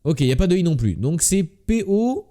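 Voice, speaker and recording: A man's voice: a little high, sing-song, normal speed, warm tone, a little hiss or hum. A man with a slight lisp on his s sounds, doing casual live game commentary as a streamer and muttering repeated word guesses to himself.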